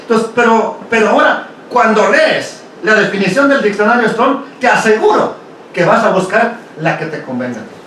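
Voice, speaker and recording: Here a high-pitched man talks through a Bible study with his congregation at normal speed, easygoing and questioning, often adding "ok?" and asking rhetorical questions. The recording comes from well back in a very echoey hall, carrying a faint hiss.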